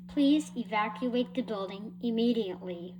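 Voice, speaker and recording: Woman, alarm loudspeaker announcement, distant, calm and formal, fairly high voice. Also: moderate pace, highs cut off, background noise. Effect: played over a building fire alarm loudspeaker. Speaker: recorded evacuation announcer. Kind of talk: prerecorded emergency announcement. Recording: distant loudspeaker heard from far off.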